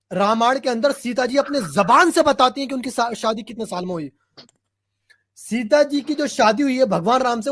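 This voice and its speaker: A man with a very high-pitched voice makes his case in a heated online debate. He is emphatic and repeats his lines to press a challenge, and the sound is close and dry with no room echo. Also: fairly bright tone. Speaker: debate panelist. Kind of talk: polemical online religious debate.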